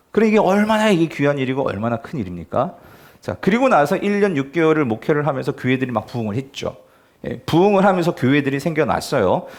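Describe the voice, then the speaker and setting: A man preaching as a pastor to his church, explaining scripture in a casual way that keeps asking the congregation questions. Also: on the high side. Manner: conversational preaching with frequent rhetorical questions to the congregation. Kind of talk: sermon.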